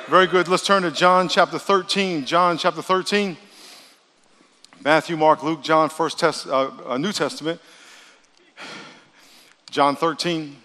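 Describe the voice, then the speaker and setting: A man's voice: on the high side, fairly even intonation, unhurried, long pauses, sharp tone. A man preaching a sermon as a pastor, in a conversational, folksy motivational manner that keeps prompting the congregation to respond. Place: large church auditorium with long reverb. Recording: reverberant large hall.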